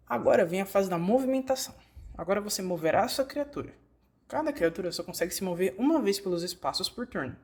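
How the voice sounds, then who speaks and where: This medium-pitched woman, who has a Brazilian Portuguese accent, reads scripted tutorial narration. She explains directly to the listener in the manner of a fan-dubbed guide.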